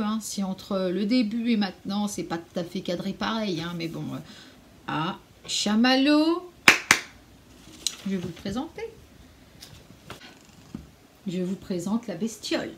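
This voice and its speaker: A woman chatting casually in a beauty vlog at home, frank and a little sarcastic, now and then cooing to her cat. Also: on the high side. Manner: frank and opinionated, mildly sarcastic. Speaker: beauty vlogger. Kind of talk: casual anti-haul vlog chat.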